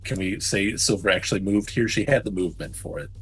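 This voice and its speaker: A man with a lowish voice talks through his moves as a tabletop player. He is casual and hesitant, thinking aloud, with music underneath. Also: quick pace, fairly bright tone. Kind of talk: casual tabletop game chat.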